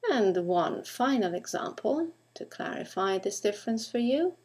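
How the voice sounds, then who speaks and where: A woman giving a recorded English grammar lesson at an unhurried pace. Her voice sits in a middle register, and she speaks clearly and deliberately. She often turns to the listener with questions. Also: mid-range voice, very animated, darkish tone. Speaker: English teacher.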